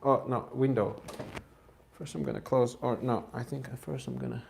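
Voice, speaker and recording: A man's voice: medium pitch, moderate pace, creaky, darkish tone, slight background noise. A man from Israel, chatting casually with viewers during a cooking livestream as a monk. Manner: chatty, laughing, talks to viewers in the comments.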